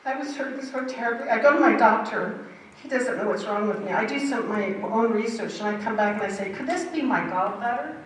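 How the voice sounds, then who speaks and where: A woman's voice: mid-range voice, brisk, slight background noise. Older woman sharing her testimony at church, emphatic storyteller, big echoey hall, mic kinda far off. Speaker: church member giving testimony. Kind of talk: personal testimony. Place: church sanctuary. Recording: very echoey hall, heard from afar.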